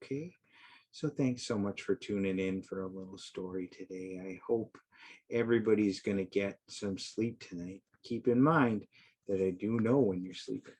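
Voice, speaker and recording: A man playing a jolly old Santa reading a storybook aloud in a gentle, folksy way, with casual, halting asides. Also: lowish voice, slightly rough. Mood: fond, chuckling.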